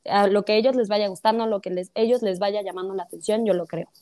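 A woman's voice: medium pitch, fairly even intonation, quick pace, warm tone, no echo. A young Mexican woman, a social media creator, chatting as an interview guest in a bubbly, gushing way and laughing often. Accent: Mexican Spanish. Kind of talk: casual interview chat.

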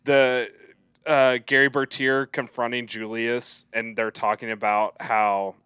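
A young man on a podcast mic, speaking in a bright, clear, fairly low voice. He talks through film scenes one by one, quoting lines with real feeling. The sound is close and dry. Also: flat delivery, unhurried, dry recording. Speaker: podcast co-host. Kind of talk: casual podcast chat.

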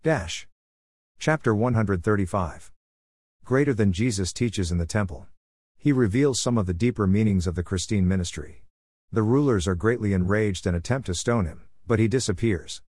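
A man narrating a religious text as an audiobook, in a measured, even reading. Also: lowish voice, no echo, studio quality.

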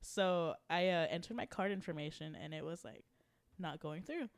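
A woman's voice: lowish voice, normal speed. Chatty young woman telling a story. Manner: chatty storyteller, swears often, laughs a lot, acts out quotes. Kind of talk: casual chat.

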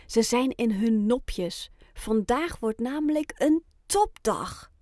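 A woman reading a children's storybook aloud, with gentle, lively storytelling and clear phrasing. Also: on the high side, takes it slowly, dry recording, studio quality. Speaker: audiobook reader.

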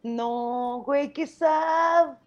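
A woman's voice: sits high, drawn-out words, lo-fi sound, soft background music. A woman from Tabasco with a Tabasco Mexican accent, a podcast co-host teasing in casual chat. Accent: Mexican Spanish, Tabasco. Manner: teasing, laughing asides.

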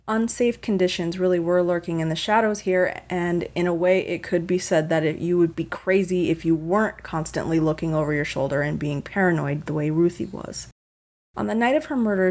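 A woman's voice: fairly low pitch, a little mellow. A woman hosting a true crime podcast, telling the story in a conversational, slightly wry way. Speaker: podcast host.

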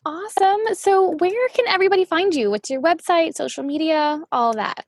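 A woman's voice: very high voice, normal speed, no echo. A woman from New Orleans hosting a casual podcast interview, upbeat and chatty, saying "like" a lot. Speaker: podcast host.

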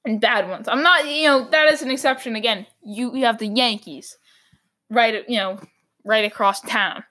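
A woman hosts her own sports talk podcast and rants her opinions in frustration. Her voice sits a little high and is going hoarse from talking too long. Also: normal speed, pushed and bright.

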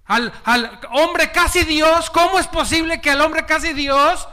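A man preaching a sermon with call and response, animated, acting out dialogue and dropping to hushed tones. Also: extremely high pitch, measured pace. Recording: long hall reverb.

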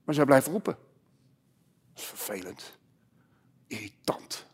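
A man preaching a sermon as pastor, moving between loud exhortation and hushed, quiet passages. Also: medium pitch, animated, measured pace, breathy edge.

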